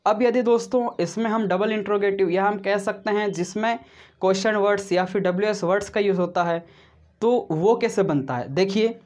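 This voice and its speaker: A man teaching a video grammar lesson who speaks slowly and deliberately, addresses viewers as friends, repeats each example and keeps adding a "right?" tag. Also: high-pitched, darkish tone. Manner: slow and deliberate, says he explains step by step.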